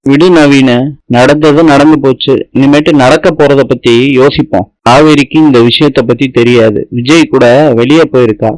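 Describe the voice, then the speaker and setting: A middle-aged tailor defends himself, exasperated, read by a man in his own voice. The voice is middle-pitched and dry, close to the mic. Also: steady tone, moderate pace, no room sound, natural voice, low-quality recording. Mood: defensive.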